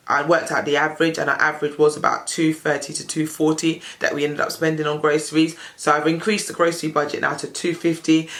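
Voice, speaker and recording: Husky and on the mend after losing her voice, this British personal finance vlogger rambles cheerfully through a casual budget walkthrough to camera, stringing ideas together with "so." Her voice sits low and sounds a bit bright.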